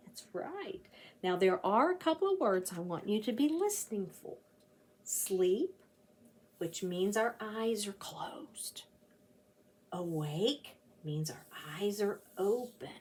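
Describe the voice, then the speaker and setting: Seated by a door in a small indoor room, a middle-aged woman reads aloud to young children in a teacherly way. Her mid-range voice is sing-song and animated, often breathy, as she stretches key words and asks her listeners questions.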